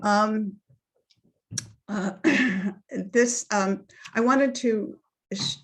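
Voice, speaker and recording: Slow, measured woman reading poetry. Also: mid-range voice. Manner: slow, measured reading of her own verse. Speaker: featured poet. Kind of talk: poetry reading with spoken asides.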